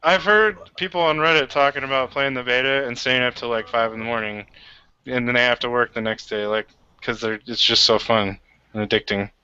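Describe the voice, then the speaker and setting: A man's voice: medium pitch, steady tone, brisk, bright, forceful tone, clear, resonant tone, no echo. A man chatting casually on a podcast in a musing, hesitant way. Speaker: podcast co-host. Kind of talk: casual chat. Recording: dry dull lo-fi sound.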